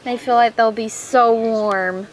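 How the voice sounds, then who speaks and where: A young woman with a high voice gushes over holiday gifts in a casual home unboxing vlog, gasping and exclaiming as she goes. She talks at an unhurried pace, and faint noise sits under her voice. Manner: gushing, excitable, frequent gasps and exclamations. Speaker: vlogger. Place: at home, with a TV on in the background. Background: paper crinkling.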